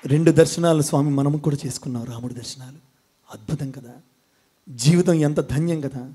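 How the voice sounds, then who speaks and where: A man gives a fervent devotional sermon to a gathering, his voice pitched high for a man. He reels off long chains of titles and keeps asking his listeners questions. Now and then he breaks into chants and call-outs. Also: fairly quick, warm tone, breathy edge. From India. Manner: fervent, chanting lists of epithets, quizzing the audience. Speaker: devotional speaker.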